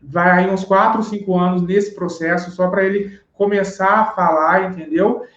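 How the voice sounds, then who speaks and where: A man's voice: sits high, fairly even intonation, normal speed. A man, a guest on an interview show, patiently explains step by step and often checks that he has been understood. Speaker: sign language teacher guest. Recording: roomy, dull live-stream audio.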